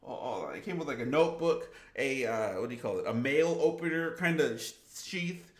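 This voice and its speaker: A man's voice: mid-range voice, animated, normal speed. Rambling man on a gaming stream, roomy echo. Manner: rambling, reads viewer comments aloud. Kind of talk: casual live-stream chat.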